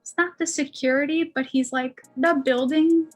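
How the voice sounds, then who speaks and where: High-voiced chatty American woman. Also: steady tone, normal speed, soft background music. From United States. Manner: chatty, laughs often, many fillers. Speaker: podcast guest. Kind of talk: casual storytelling.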